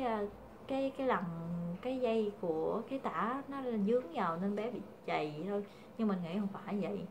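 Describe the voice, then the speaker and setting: A young woman chats to her viewers as a mother. She pauses often and fills the gaps with soft fillers as she goes. Her voice sits mid-pitched, with a faint ambient hiss behind it. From Vietnam. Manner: hesitant, many fillers, calls viewers family. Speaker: vlogger, mother. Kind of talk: casual chat to viewers.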